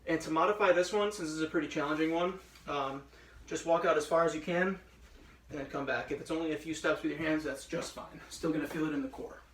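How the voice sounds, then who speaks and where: Male workout instructor, a touch high, calm step-by-step cues, a bit breathless, distant mic in an echoey room. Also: quick pace, slight background noise. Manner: cueing exercises step by step, encouraging. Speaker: fitness instructor. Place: room at home with a ceiling fan.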